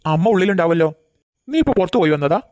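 A woman's voice: lowish voice, expressive, a little mellow, no echo, close to an everyday voice. A woman doing a grumpy old cartoon grandpa. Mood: questioning. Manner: scolding, quick-tempered. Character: grumpy old grandfather who hates dogs. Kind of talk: cartoon voice acting.

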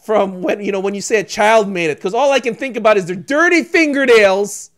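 A man co-hosting a casual podcast, rambling through animated rants with sudden louder outbursts and frequent laughter. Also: high voice, a little fast. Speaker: podcast co-host. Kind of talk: casual chat.

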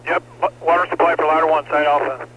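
A man commands a fire scene over a static-laden two-way radio. His slightly high voice stays in a narrow, even range as he gives urgent, terse firefighter orders, with brief hesitations. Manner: terse, directive, hesitant pauses with uh. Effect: two-way radio transmission. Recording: noisy, clicking, band-limited fire radio traffic.

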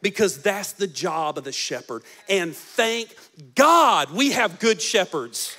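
Preaching from a large church stage with a handheld mic, a pastor in his forties swings between loud, emphatic lines and soft, low ones. His delivery is sing-song, and he takes it slowly.

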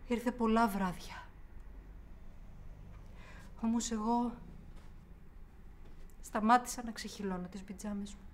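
A woman's voice: on the high side, a little hiss or hum, close to an everyday voice. An actress performing a theatrical monologue as a young woman haunted by childhood abuse, repeating words obsessively and swinging between whispers and outbursts. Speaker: actor.

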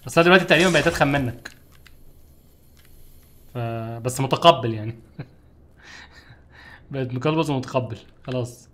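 A young man with an Egyptian Arabic accent giving casual, jokey commentary while he streams a game, with loud outbursts at scares. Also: medium pitch, moderate pace, long pauses, slight background noise. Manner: jokey, exclaims loudly at scares.

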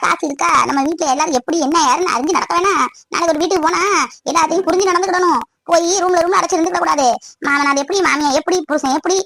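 A woman's voice: very high-pitched, a bit bright, dry recording, pitched below the performer's own voice. A woman doing a bossy scolding old grandmother. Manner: scolding, domineering.

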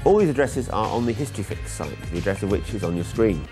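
A man's voice: on the low side, very animated, quick pace, over music. Wry middle-aged male TV presenter. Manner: wry, jokey asides. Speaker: documentary presenter. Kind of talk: presenting a TV documentary. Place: outdoors by a brick building, sitting with a laptop.

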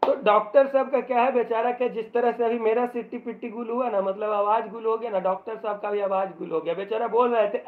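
A male teacher giving a live online English lesson in Hindi, joking as he explains and reading the English passages aloud very slowly. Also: sits high, fairly even intonation. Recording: tinny phone-like audio.

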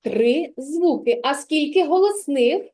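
A high-voiced woman teaches a young child to read in a one-on-one lesson. She speaks slowly and patiently, with a warm, soft tone, and stretches out each sound so the child can hear it. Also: lively intonation. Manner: patient, drawn-out stressing of sounds and words. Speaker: kindergarten teacher.

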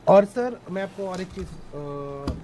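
A man's voice: high voice, expressive, slow pace, warm tone, a little hiss or hum, low-quality recording. A man playing a police officer in a role-play court hearing, testifying politely but insistently and mixing English phrases into his Hindi, over a headset.

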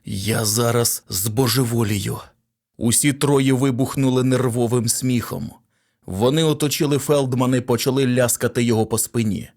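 A male audiobook narrator with a mid-range voice. He tells the story in steady scripted narration. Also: mid-range voice, brisk.

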